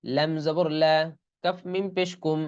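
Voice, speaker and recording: In a muffled online class recording, a man's fairly high, clear and resonant voice holds a fairly even intonation as he teaches Quran reading. He spells out letters and vowels singly at a deliberate pace, then draws out each word in full.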